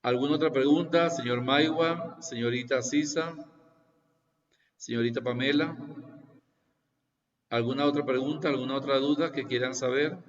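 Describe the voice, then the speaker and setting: A man in his sixties lectures students on a video call, explaining things slowly and repeating points, often pausing to check they follow. His voice comes from a distance in a roomy space. The call audio sounds dull. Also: medium pitch, fairly even intonation. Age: 60s. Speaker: university lecturer. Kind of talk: online class introduction.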